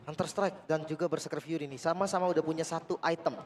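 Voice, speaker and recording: A man with an Indonesian accent giving energetic, analytical commentary on an esports match. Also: fairly high pitch, fast talker, slight background noise.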